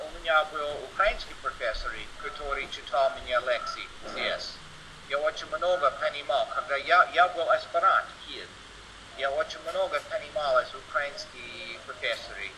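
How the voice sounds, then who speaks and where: Presenting as a guest at a conference, a native English speaker from the United States talks informally in his second language, Russian, with an American accent, halting pauses, word-searching, and broken grammar. He sounds on the high side, pushed and bright, and the online seminar audio is noisy.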